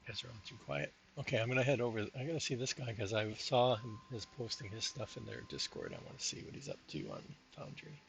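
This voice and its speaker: A man's voice: mid-range voice, quick pace, vocal fry, few pauses, slight background noise, low-quality recording. A man streaming a game live, chatting casually and thanking viewers, heard through livestream headset audio. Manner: relaxed, thinks aloud, thanks viewers by name. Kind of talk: casual gaming livestream chat.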